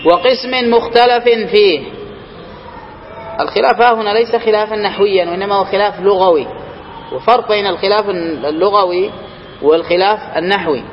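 A man teaching a grammar class, reading a text aloud slowly and then explaining it and questioning his students. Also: in a large hall, dull audio, slight background noise. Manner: reads quoted lines slowly and higher, then explains and quizzes students.

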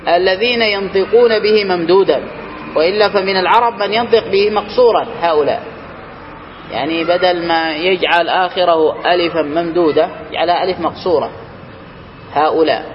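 High-voiced man teaching grammar in a hall. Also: fairly even intonation, lo-fi sound, slight background noise. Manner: reads quoted lines slowly and higher, then explains and quizzes students. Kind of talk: classroom lesson reading and explaining a text.

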